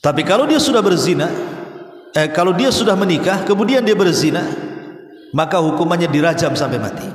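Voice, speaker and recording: A man preaching a sermon, telling a story and quoting figures with lively swings in his voice. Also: fairly high pitch. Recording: echoey hall with long reverb.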